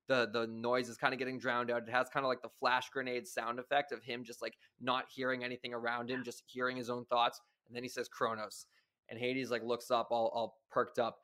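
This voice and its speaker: A man's voice: mid-range voice, sharp tone. A man hosting a podcast, talking through details in an enthusiastic, analytical way in casual chat. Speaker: podcast host.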